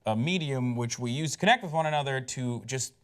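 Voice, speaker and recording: A man co-hosting a pop culture show, chatting casually and sounding animated and incredulous, with lots of "like"s. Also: medium pitch, brisk, smooth. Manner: animated, incredulous, rambling with many "like"s. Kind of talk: casual panel chat.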